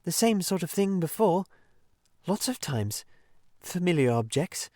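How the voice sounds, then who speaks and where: A man's voice: sits high, sing-song, measured pace, warm tone, dry recording, studio quality, voice pushed up. A man voicing a fussy, pettish male mole who is stubborn and literal-minded, speaking in a prim, indignant way. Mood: puzzled.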